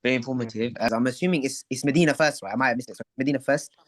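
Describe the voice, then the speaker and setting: A man's voice: mid-range voice, rapid-fire. A man joining a webinar by video call, asking a question in a hesitant, apologetic way while his connection keeps breaking up. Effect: choppy, breaking-up call connection. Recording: distant, broken-up online call audio.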